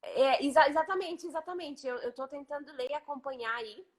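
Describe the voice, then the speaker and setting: Hosting a casual live chat, a Brazilian woman speaks with a Brazilian Portuguese accent in a high, fairly quick voice. She talks emphatically and eagerly repeats her agreement.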